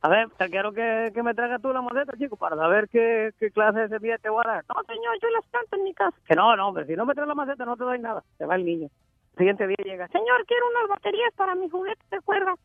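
A man calling in on a breaking-up phone line, telling a joke with animated voice switches. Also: very high-pitched, quick pace, gravelly, no room sound. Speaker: show regular calling in. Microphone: telephone.

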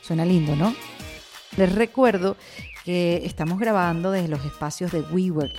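A woman's voice: on the low side, measured pace, a little mellow, faint music behind. Venezuelan lady hosting her podcast, playful and chatty, studio sound. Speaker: podcast host. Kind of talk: podcast interview. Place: studio in a coworking space.

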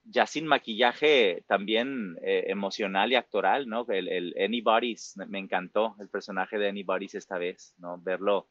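A man's voice: lowish voice, moderate pace, few pauses, fairly bright tone, dry recording, lo-fi sound. A Mexican man in his forties with a Mexican Spanish accent, a musical theater performer talking reflectively in an interview, full of fillers and tag questions. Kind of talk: casual interview talk.

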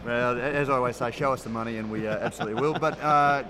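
An Australian man hosting a casual podcast, chatty and halting, repeating his words, on a low-quality location recording. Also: fairly even intonation, noisy background. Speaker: podcast host. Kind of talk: casual podcast chat and interview. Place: above the floor of a busy beer festival hall.

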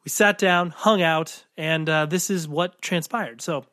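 A man's voice: fairly high pitch, unhurried, pushed and bright, dry recording, clean studio sound. A man hosting a podcast in a casual, rambling, informal way, his voice nasal and stuffy from a cold. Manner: informal, mild swearing, rambling asides. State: congested from a cold. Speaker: podcast host. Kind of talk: casual, chatty podcast introduction.

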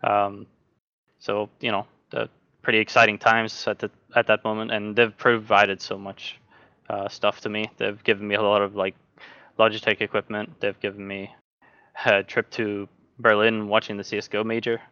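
A man's voice: lowish voice, clear, resonant tone, dry recording, dull audio. A young man from Norway, a sim racing driver, talking casually as a podcast guest with lots of fillers and restarts. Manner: relaxed, halting, many fillers and restarts.

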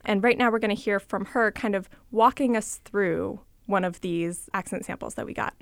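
A woman's voice: mid-range voice, normal speed, creaky, no room sound, clean studio sound. A woman reporter explains her story on the radio in a chatty way, with some fillers.

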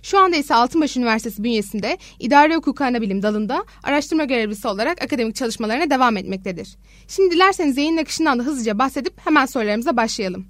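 A woman hosts a student radio show, reading prepared introductions and questions in a formal, polite manner. Her voice is high and her delivery brisk. The sound is dry and close. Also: expressive, no echo.

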